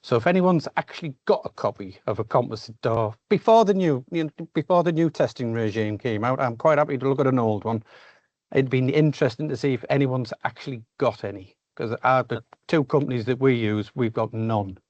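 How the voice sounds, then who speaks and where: A man's voice: mid-range voice, a little fast, darkish tone, no room sound. Male meeting participant on a video call, blunt and informal, dry, slightly lo-fi.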